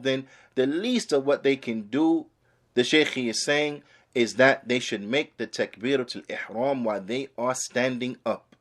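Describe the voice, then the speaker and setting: Man teaching religion like a preacher. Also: medium pitch. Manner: like a preacher, exhorting with repeated phrases; switches between English and quickly read Arabic. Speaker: religious teacher giving a class. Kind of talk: Islamic lesson, reading Arabic text and explaining it phrase by phrase.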